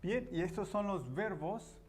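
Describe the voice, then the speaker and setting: A man's voice: high voice, animated, a little slow. A man teaching a grammar lesson at a board, patient and repetitive, with frequent affirming fillers. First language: Spanish. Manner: patient, repeats key words, many "ujú" and "ajá" fillers. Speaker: English teacher.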